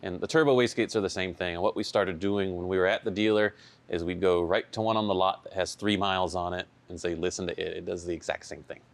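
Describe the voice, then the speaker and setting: A man in a relaxed, conversational tech session, talking through car repair history with lots of fillers. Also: low-pitched, fast. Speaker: shop owner presenting a tech session. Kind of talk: casual technical talk. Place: event room.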